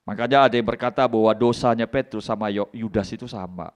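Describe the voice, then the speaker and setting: A man pastor preaching a sermon in a church, swinging from hushed asides to loud exclamations and acting out the voices in his story. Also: lowish voice, fast talker. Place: church hall.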